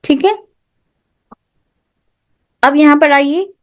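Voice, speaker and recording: Speaking extremely slowly and in a high pitch, this woman teaches tajweed online. Her style is to raise a question, supply the answer on her own, and mix in English terminology.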